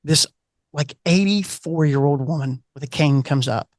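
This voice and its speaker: Middle-aged man, guest author, animated storyteller who acts out quoted voices. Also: fairly high pitch, moderate pace, no echo, clean studio sound. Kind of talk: casual storytelling interview.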